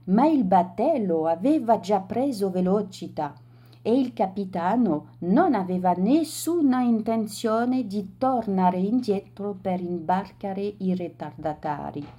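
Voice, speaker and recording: Slow, mellow woman storyteller. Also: medium pitch, expressive. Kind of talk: children's story reading.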